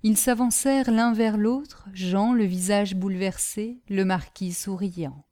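Mellow-voiced woman narrating a novel. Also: mid-range voice, fairly even intonation, no room sound. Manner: measured, literary.

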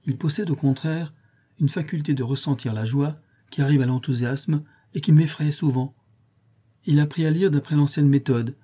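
Husky, mellow male storyteller. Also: medium pitch. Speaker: audiobook narrator. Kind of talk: scripted narration.

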